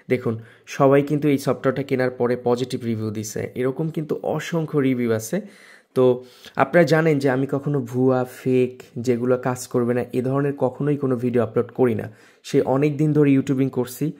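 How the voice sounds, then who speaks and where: A man with a Bangladeshi accent hosts a casual tech video, explaining and promoting a product directly to viewers. His mid-pitched voice is soft-edged, with a relaxed, mellow tone.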